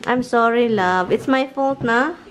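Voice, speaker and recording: High-pitched chatty Visayan woman vlogging. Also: very slow, slight background noise. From Philippines. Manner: chatty, giggly, animated. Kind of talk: casual chat to camera.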